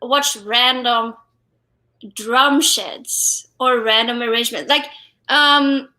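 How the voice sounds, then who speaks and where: A young adult woman from Sweden with a Swedish accent, a drummer talking in a casual live-stream interview, halting, with many fillers and restarts. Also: fairly high pitch, fairly even intonation, sharp tone. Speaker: guest drummer. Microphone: wireless headphones.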